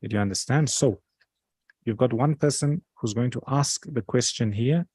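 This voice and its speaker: A man's voice: medium pitch, moderate pace, darkish tone, husky, no room sound. A man teaching a study circle, patiently explaining step by step. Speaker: religious teacher.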